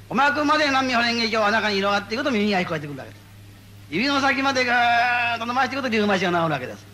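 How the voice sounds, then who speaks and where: A man giving spoken Buddhist guidance to a gathering, playful and animated, repeating phrases for emphasis. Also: sits high, slight background noise. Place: meeting before a live audience.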